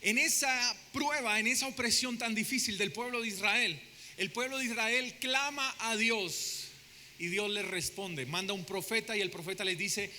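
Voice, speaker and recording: A man's voice: high voice, moderate pace, pushed and bright, in a large hall, a little hiss or hum. A man preaching a sermon dramatically, asking the congregation questions, in a church sanctuary.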